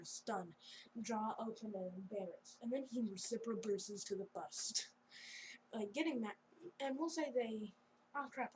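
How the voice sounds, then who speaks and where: A woman's voice: mid-range voice, a little mellow, a little hiss or hum, low-quality recording. Giggly rambling young woman storyteller. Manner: rambling, giggly, chatty with fillers. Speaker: fan storyteller. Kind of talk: casual improvised story narration.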